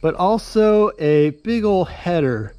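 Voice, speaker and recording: A man's voice: sits high, animated, slow, mellow, dull audio, a little hiss or hum. Laid-back man rambling at a build site. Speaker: builder vlogger. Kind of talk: casual chat to camera while building. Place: outdoors at a barn construction site. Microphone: action camera, sometimes head-mounted.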